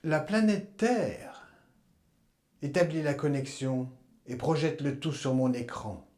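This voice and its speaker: A man playing an aloof alien emperor who lectures humans in a formal, measured, detached way in a science-fiction drama. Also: mid-range voice, lightly acted. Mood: commanding. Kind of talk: scripted science-fiction monologue. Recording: loud background noise and ambience.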